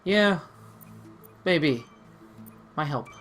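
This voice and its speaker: A man commentates a video game casually and playfully. His slightly high voice swings widely in pitch as he rambles at a leisurely pace, with faint music behind him. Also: animated, drawn-out words, fairly bright tone. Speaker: let's-play gamer.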